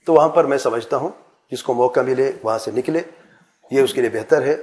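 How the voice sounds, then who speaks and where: A man's voice: mid-range voice, darkish tone. A middle-aged man preaching a sermon, giving earnest advice with rhetorical questions and repeated lists. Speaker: Islamic preacher.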